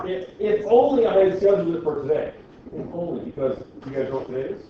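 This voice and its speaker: A man's voice: fairly high pitch, lively intonation, fast talker, a little hiss or hum. Jokey male teacher in an echoey classroom. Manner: jokey, keeps checking in with "right?". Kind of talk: classroom lecture. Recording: echoey, dull lo-fi classroom recording.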